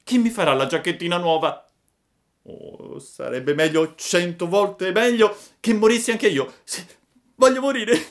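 A man voicing a sobbing, desperate wooden puppet boy in a storybook reading, stammering and pleading. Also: a little slow. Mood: sobbing despair. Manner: wailing, stammering, high and loud.

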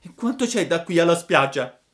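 Pinocchio, a wailing puppet boy. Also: measured pace. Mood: anxious pleading. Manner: wailing, stammering, high and loud. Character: sobbing wooden puppet boy, desperate and pleading. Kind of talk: storybook reading.

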